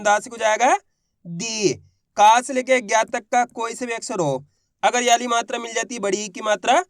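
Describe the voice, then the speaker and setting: A patient man leads a beginners' reading lesson, asking a question and then answering it himself. He sounds out each syllable slowly and draws the long vowels out. His voice is close and dry, with no room sound. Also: high voice, fairly bright tone, no echo. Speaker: Hindi teacher.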